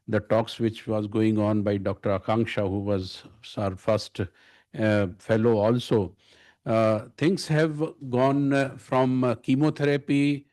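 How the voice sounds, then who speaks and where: A man with an Indian accent giving an informal conference address as a senior surgeon, halting and often repeating words. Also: medium pitch, a little mellow. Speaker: medical director and surgeon speaking at a conference.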